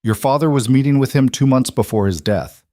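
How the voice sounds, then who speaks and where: A man's voice: medium pitch, brisk, warm tone, no echo, clean studio sound, pitched above the performer's own voice, natural voice. A man voicing a suspicious male federal agent in an audiobook, asking probing, pointed questions.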